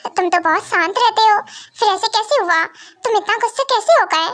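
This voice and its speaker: A woman's voice: extremely high pitch, moderate pace, fairly bright tone. Brief: woman reading a protective vampire mother, motherly and firm, fan drama. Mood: soothing. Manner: soothing then scolding. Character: caring scolding vampire mother.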